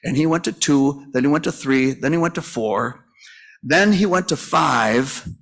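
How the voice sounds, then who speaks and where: A man's voice: on the high side, a little slow, creaky. A man in his sixties giving a folksy, rambling conference talk, full of fillers and restarts as he tells stories. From Minnesota, US. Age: 60s. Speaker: funeral home owner and conference speaker. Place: conference session room.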